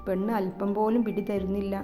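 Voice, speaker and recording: A woman reads the part of a young man in a romantic audio story, gentle and teasing toward the girl he loves. His soft, playful lines sit in a warm, mellow voice with faint music underneath. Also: mid-range voice, level tone, brisk, close to an everyday voice. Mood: tender teasing.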